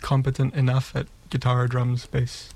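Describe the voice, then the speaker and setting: Young guy from greece on campus radio, flat even delivery, modest, kinda hesitant. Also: mid-range voice, moderate pace, vocal fry. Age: young adult. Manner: modest, hesitant, self-deprecating. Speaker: guest. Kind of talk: casual radio interview.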